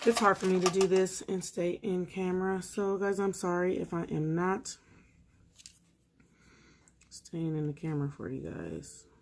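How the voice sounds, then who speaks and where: A woman's voice: fairly low pitch, measured pace, a little hiss or hum. Woman chatting casually during nail art. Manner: relaxed, chatty, talks while working. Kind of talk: casual tutorial chat.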